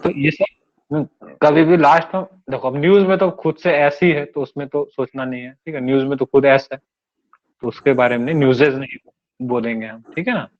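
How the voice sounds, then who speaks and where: A man's voice: medium pitch, moderate pace. Man teaching grammar in a lo-fi recording. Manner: explains step by step, checks understanding often. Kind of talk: classroom grammar lesson. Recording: dull lo-fi recording.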